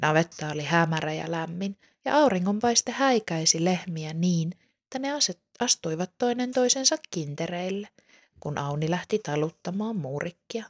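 A woman reading a children's story aloud in a calm, unhurried way. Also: on the low side.

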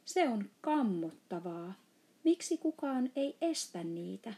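A woman's voice: medium pitch, big pitch swings, warm tone, voice pushed up. A woman voicing a curious, earnest little girl in a storybook reading. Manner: questioning, earnest.

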